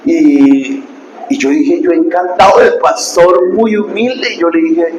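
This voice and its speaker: A man pastor, preaching a sermon and telling stories, dropping to hushed asides and rising to loud preaching. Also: fairly high pitch, slow, lo-fi sound. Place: church hall. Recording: echoey hall with background noise.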